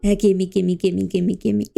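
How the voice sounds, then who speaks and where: A woman's medium-pitched, dark voice, edged with vocal fry, carries this casual game livestream. She chats playfully with viewers, repeating words and drawing them out.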